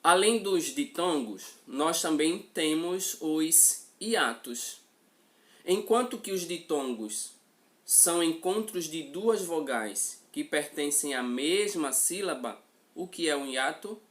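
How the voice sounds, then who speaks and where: Slow, deliberate male teacher. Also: on the high side, expressive. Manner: slow, deliberate, repeats example words and checks in with the class. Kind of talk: grammar lesson.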